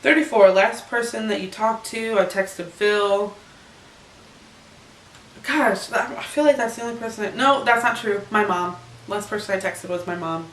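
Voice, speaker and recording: A woman's voice: medium pitch, moderate pace, slight background noise. A young woman vlogging in a casual, rambling chat, giggling as she answers questions in her bedroom. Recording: echoey room, camera far off.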